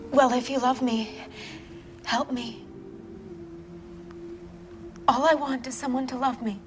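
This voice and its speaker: An actress playing a frightened young bride in a 1940s film, tearful and pleading. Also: female voice, high-pitched, steady tone, slow, over music. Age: young adult. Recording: noisy old film soundtrack.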